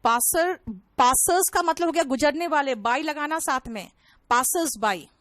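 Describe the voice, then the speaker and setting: A woman's voice: high-pitched, expressive, a little slow, a bit bright, no room sound. A young woman teaching an online English vocabulary class, explaining in Hindi with English terms and calling her students "beta".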